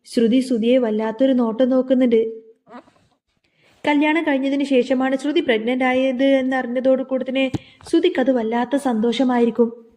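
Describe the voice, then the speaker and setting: A woman retells a television serial episode in a steady storytelling tone. Her voice sits high but sounds mellow and soft-edged. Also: normal speed. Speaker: serial recap narrator. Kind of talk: episode recap narration.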